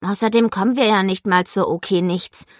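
A woman voicing a lively, friendly young boy who calls out excitedly in an audiobook. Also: medium pitch, brisk, no room sound, clean studio sound, close to an everyday voice. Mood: thoughtful. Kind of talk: audiobook character voice.

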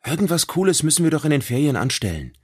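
A man's voice: fairly high pitch, sing-song, fast, slightly rough, pitched above the performer's own voice. A man voicing a restless, eager boy in an audiobook, keen on doing something cool. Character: eager boy looking for fun. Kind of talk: audiobook character voice.

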